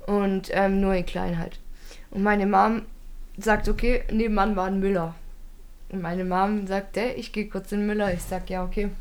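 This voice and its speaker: A woman's voice: mid-range voice, flat delivery, moderate pace. A young woman, animatedly telling a funny, embarrassing story in casual chat, laughing often.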